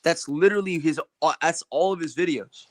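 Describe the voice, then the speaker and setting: This Californian livestreamer answers viewer questions with casual commentary, talking in a standard American accent. He's blunt and slangy and swears heavily, his voice fairly high-pitched and his delivery brisk.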